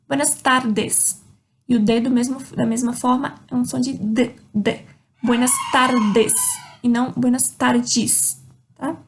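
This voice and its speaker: A Brazilian Portuguese-speaking woman teaching a Spanish lesson, slowly pronouncing example words. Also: high-pitched. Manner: slow, drawn-out demonstration of Spanish words. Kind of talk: online language lesson. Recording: faint background noise.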